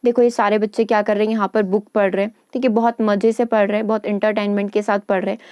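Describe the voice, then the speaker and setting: Mellow-voiced Hindi-speaking woman teacher. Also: mid-range voice, little pitch movement, clean tone, no room sound, studio quality. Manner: explains in Hindi with English terms and quick check-ins; reads English lines slowly and carefully. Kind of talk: lecture on English teaching.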